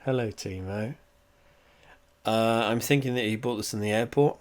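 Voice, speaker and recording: A man's voice: fairly low pitch, fairly even intonation, moderate pace. Congested, rambling man. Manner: meandering, profane, wry. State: congested, coughing. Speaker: home reviewer. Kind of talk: rambling casual review. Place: at home indoors.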